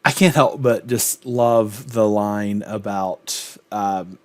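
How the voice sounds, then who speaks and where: A man's voice: fairly low pitch, slow. A man hosting a sitcom reaction video, musing thoughtfully in a rambling, casual way. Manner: thoughtful, rambling, lots of filler. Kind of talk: casual commentary.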